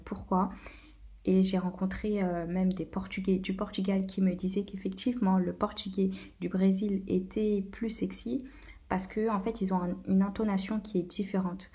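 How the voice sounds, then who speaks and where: A woman's voice: medium pitch, warm tone. A woman hosting a casual explainer video, talking with many hesitations and filler sounds. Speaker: video host.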